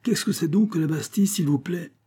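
Fiery old-time farmer guy a man puts on, yelling high and loud, husky dark voice. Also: moderate pace. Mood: furious rousing. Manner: shouting, rousing, indignant. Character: fiery, defiant middle-aged male farmer.

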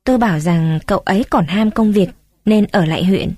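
A fretful village chief who blusters and scolds, grumbling his warnings, as a woman reads him. The tone is mellow and warm. It is a close, dry storybook reading. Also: mid-range voice, fairly quick, no room sound, natural voice. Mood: scheming, cautioning.

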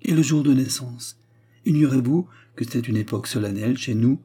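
A man voicing a cool, reserved gentleman in an audiobook, speaking in a measured way. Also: medium pitch, husky, close to an everyday voice. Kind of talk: audiobook character reading.

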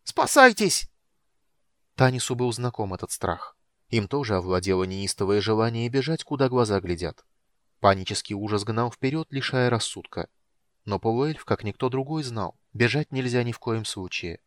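Brief: male narrator for a fantasy audiobook, low voice, dry close studio sound, steady and measured. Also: dry recording.

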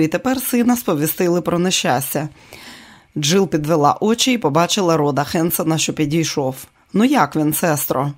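A narrator reading an audiobook in a steady, even manner. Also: mid-range voice.

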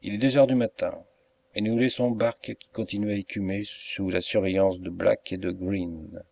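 A man narrating a classic short story as an audiobook reader, in a measured, dramatic delivery. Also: deep voice, steady tone, gravelly, darkish tone.

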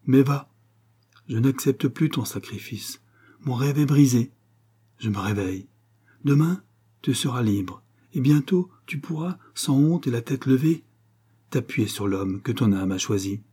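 A man's voice: mid-range voice, expressive, unhurried, mellow, slightly rough. A man reading an audiobook, voicing an aging, selfless English lord who speaks in murmured, sorrowful declarations. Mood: grieving.

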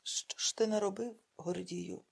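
A woman reading a husky, pleading grieving older man. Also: high-pitched, moderate pace, darkish tone. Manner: pleading, sorrowful.

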